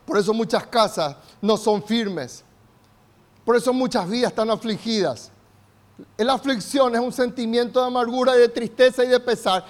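A man delivers a sermon in a very high voice. He calls on the congregation to repeat after him, and his delivery climbs to shouting. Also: moderate pace. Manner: call-and-response preaching, builds to shouts. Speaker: pastor.

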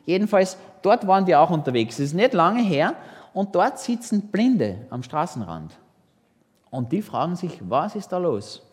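A man preaching a sermon in a lively way, with rhetorical questions. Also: high-pitched, moderate pace, in a large hall. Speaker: pastor.

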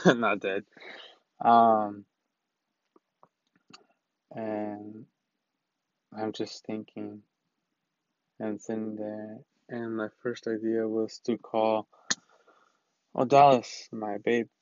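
A man's voice: lowish voice, flat delivery, very slow, long pauses, no echo, dull audio. A young man telling a personal story in a casual, rambling way, with many restarts. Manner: rambling, loose, full of restarts.

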